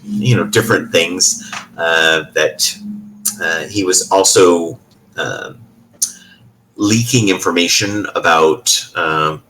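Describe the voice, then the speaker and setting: A man narrating as game master of a tabletop game, halting with many fillers. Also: deep voice, fairly bright tone, rough recording.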